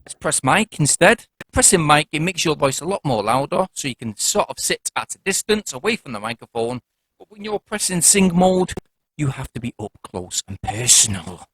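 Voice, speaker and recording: A man's voice: a little high, big pitch swings, moderate pace, a bit bright, breathy edge, dry recording. Upbeat man reviewing gear. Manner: chatty, upbeat, jokey. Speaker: product reviewer. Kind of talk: casual product review.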